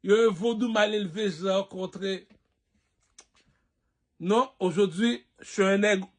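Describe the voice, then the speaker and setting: Man from Haiti, high-pitched, rambling preachy monologue, keeps asking the listener questions. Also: measured pace. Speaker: online personality.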